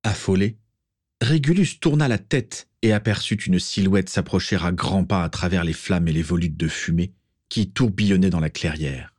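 A man narrating a story as an audiobook, steady and expressive. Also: sits low, moderate pace, husky, no echo, clean studio sound.

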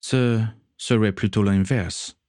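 An earnest young man, read by a male storyteller, speaks slowly and deliberately. The tone is low and remorseful, recorded close and dry like an audiobook. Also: steady tone, darkish tone, no room sound. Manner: slow, deliberate.

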